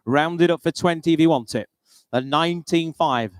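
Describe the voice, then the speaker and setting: In a close, dry recording without any room echo, a British auctioneer conducts a live auction, repeating bid figures in practised patter. He speaks at a moderate pace in a smooth, clear voice that's a little high for a man.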